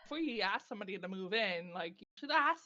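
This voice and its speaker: A woman's voice: mid-range voice, animated, fast talker, sharp tone. A young woman co-hosting a casual book discussion, talking it over and checking her notes. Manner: conversational, reads from her notes. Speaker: book club podcast co-host. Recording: slightly dull lo-fi audio.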